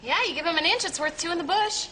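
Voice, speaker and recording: A woman's voice: very high-pitched, fast. An actress playing a bubbly female student in a sitcom sketch, breezily mangling sayings, from a noisy clip. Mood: breezy.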